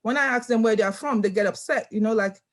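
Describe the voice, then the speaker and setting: A woman's voice: on the high side, fast talker. A woman from Nigeria speaking on a video call panel, earnest and emphatic, often repeating words as she stresses a point. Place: home room.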